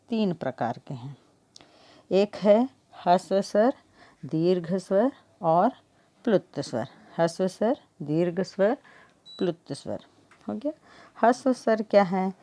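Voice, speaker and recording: Woman, grammar teacher, slow and deliberate, mellow voice, repeats points as questions. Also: on the low side. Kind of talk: exam-prep lesson.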